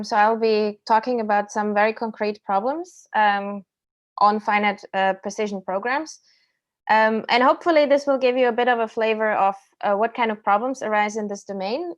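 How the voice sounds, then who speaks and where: A woman in her thirties, originally from Slovakia, presents a technical talk over a video call. She explains in a clear, step-by-step way, with the odd um and restart. Her voice sits at a middle pitch for a woman. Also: normal speed, dull audio. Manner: clear, explanatory, with frequent ums and self-corrections. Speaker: invited speaker. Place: indoor room at home or office.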